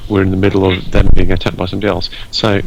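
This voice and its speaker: A man's voice: sits low, monotone, racing, vocal fry, background noise. A man playing a tabletop game, hesitantly thinking aloud as he plans his moves. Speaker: player. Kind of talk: casual tabletop chat.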